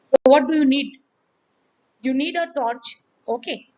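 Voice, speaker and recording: Woman teaching med students, high voice, hoarse from yelling, keeps asking okay? ready?. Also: a little slow, dull audio. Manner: checks in often with "okay?" and "ready?". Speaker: physiology teacher. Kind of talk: medical lecture with demonstration.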